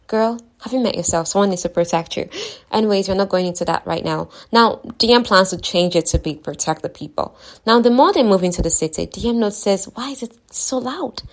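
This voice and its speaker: Moving briskly, a woman with a mid-range voice summarizes a fantasy novel in a casual, talk-to-the-listener style. Her delivery is conversational and dotted with offhand comments.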